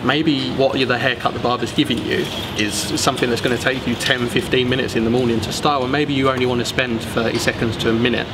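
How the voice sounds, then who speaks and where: A man's voice: mid-range voice, level tone. A young man co-hosting a vlog, giving practical grooming tips to camera outdoors on a city street. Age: young adult. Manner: brisk, practical, addresses viewers as guys. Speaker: vlog co-host. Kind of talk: casual advice to camera. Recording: loud street noise outdoors.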